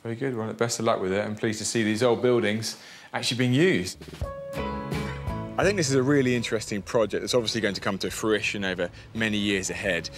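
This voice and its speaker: A man's voice: on the low side, fairly quick, over music. A man in his thirties presenting a TV show, asking eager questions and summing up with enthusiasm. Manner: inquisitive, enthusiastic. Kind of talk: presenting and interviewing. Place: building site and show flat.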